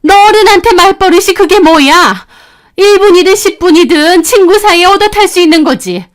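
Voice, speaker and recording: A woman acts out a hypocritical woman teacher in a spoken story drama. Her voice sits high and she talks in a soft, coaxing way that hardens into scolding. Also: normal speed. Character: hypocritical female academy teacher, sweet turning menacing. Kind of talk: acted story dialogue.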